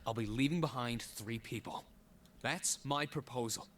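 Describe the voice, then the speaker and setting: A man's voice: medium pitch, normal speed, a bit bright, a little hiss or hum, lightly acted. An actor playing a menacing, bossy, foul-mouthed young gunman as an unhinged, taunting villain in a video game. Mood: cold, menacing. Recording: game music under the voice. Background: game music.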